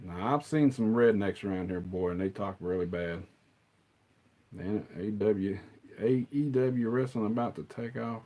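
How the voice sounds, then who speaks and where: A middle-aged man hosts a casual live stream. He rambles in a lowish, easygoing drawl and answers the chat as he goes. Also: a little slow, warm tone.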